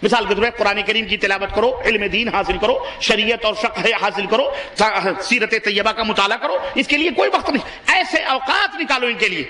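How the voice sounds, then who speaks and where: A man with a Pakistani Urdu accent preaches an impassioned sermon, pushing his listeners with rhetorical questions and rising to emphatic peaks. His voice sits very high and sounds bright and forceful. The room around him rings with echo. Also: hardly any pauses. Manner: exhorting, rhetorical questions to the congregation.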